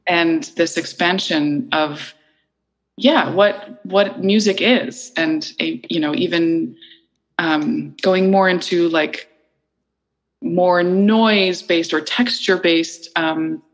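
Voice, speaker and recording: A woman's voice: on the low side, fairly even intonation, slow pace, poor audio. A middle-aged woman from Iceland, an interview guest talking thoughtfully and searching for her words. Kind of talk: reflective conversational interview.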